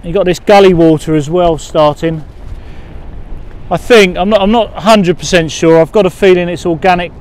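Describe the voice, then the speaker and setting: A man in his forties vlogging as he sea-fishes from a windy harbour wall, rambling with many fillers and excited when he gets a bite. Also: high-pitched, normal speed. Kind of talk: casual outdoor vlogging. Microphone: action camera at arm's length.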